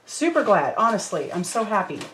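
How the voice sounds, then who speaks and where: A woman's voice: on the low side, lively intonation, normal speed, a little hiss or hum. A woman hosting a crafting livestream, chatting casually and reading out viewer comments as she works. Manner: chatty, reads out viewer comments, warm and effusive. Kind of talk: casual live chat while crafting.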